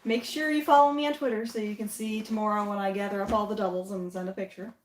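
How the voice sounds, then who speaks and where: A woman's voice: medium pitch, steady tone, fast talker, slight background noise. Chatty woman livestream host, roomy sound. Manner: chatty, laughs often. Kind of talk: casual livestream chat. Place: home basement. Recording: roomy echoey room.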